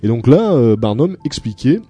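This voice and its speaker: A man hosting a radio chat show, telling odd stories in a lively, halting way full of fillers. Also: mid-range voice, faint music behind. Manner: storytelling, many fillers, animated. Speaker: radio host.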